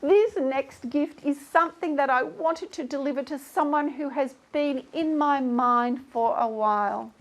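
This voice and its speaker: An actress playing a vain, self-absorbed talk-show host in a comedy sketch, talking in a theatrical, self-pitying way. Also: female voice, high-pitched, measured pace, hardly any pauses. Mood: mock-tearful. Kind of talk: comic sketch acting.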